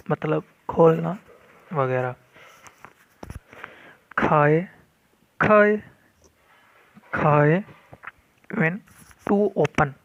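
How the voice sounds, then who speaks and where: A man teaching vocabulary, repeating each new word several times in a firm drill and mixing English glosses into his explanations. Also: on the high side. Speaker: language teacher. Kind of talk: vocabulary lesson. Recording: dull lo-fi recording.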